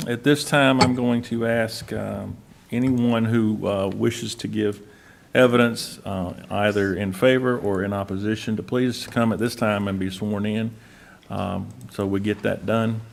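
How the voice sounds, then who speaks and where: A man chairing a public board meeting in a folksy, halting, informal way. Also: lowish voice, fairly even intonation, vocal fry. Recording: background room noise.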